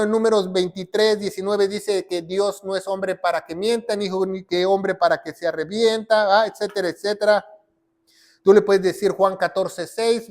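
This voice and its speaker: A male pastor preaching a sermon, emphatic and repetitive, often quoting scripture. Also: high voice. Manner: emphatic preaching, repeats phrases, quotes scripture. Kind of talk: sermon teaching.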